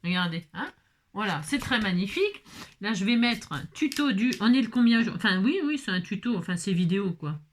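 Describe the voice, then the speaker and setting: A woman's voice: medium pitch, animated, a little fast. A woman crafter chatting casually through a card-making tutorial, playful and self-mocking, humming to herself as she works.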